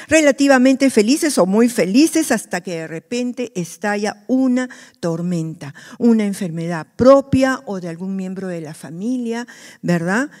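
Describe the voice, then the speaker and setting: Slow-preaching Peruvian woman pastor in a hall. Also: mid-range voice, darkish tone. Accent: Peruvian Spanish. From Peru. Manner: slow, emphatic preaching that acts out the cries of worried believers. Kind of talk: sermon. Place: church. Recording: long church hall reverb.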